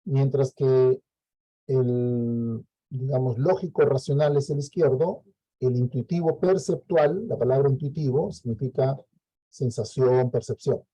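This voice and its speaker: A man's voice: medium pitch, a little slow, mellow, no echo, rough recording. A Peruvian man lecturing a class, explaining step by step and checking in with frequent "¿no?" tags. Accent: Peruvian Spanish. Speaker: teacher.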